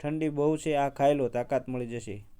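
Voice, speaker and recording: A man voicing a lonely, scheming young woman on a mountain, speaking softly and coaxingly in his own mellow, resonant voice. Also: medium pitch, fairly even intonation, normal speed, clean tone, close to an everyday voice.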